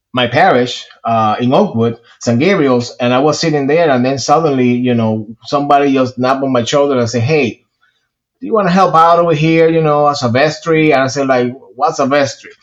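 Earnest priest with Puerto Rican accent. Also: male voice, mid-range voice, normal speed, dull audio. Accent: Puerto Rican Spanish. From Puerto Rico. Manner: earnest, many fillers and restarts. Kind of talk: casual interview talk.

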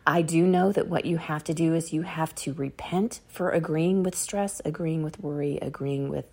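A middle-aged woman telling a personal faith testimony outdoors on a dark autumn morning, earnest and repeating key phrases for emphasis. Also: deep voice, steady tone, normal speed, slightly rough.

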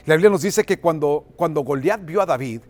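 Man, pastor, emphatic sermon, fairly high voice, faint music underneath. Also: animated, brisk. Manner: emphatic preaching, calls congregation to repeat words; rises to loud, forceful delivery at climaxes.

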